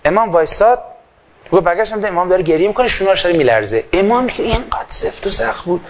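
A man giving an impassioned sermon into a microphone. He swings between loud fervor and quiet asides and acts out little dialogues. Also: sits high, expressive. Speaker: preacher.

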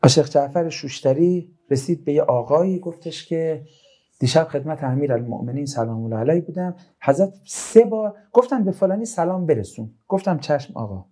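A man's voice: a little high, expressive, warm tone. A man giving an informal religious talk full of stories, chatting and joking with his listeners in between. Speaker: religious speaker.

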